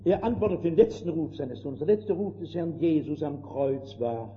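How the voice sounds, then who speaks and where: An older man preaching a fervent sermon, calling his listeners friends and swinging between hushed and emphatic delivery. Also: on the high side, moderate pace, soft background music. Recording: dull lo-fi old sermon recording with faint noise.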